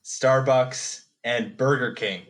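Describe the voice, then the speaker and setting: A man's voice: medium pitch, steady tone, slow pace. A man in his thirties co-hosting a podcast in casual chat, hesitant, with fillers and repeated words. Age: 30s. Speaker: podcast co-host.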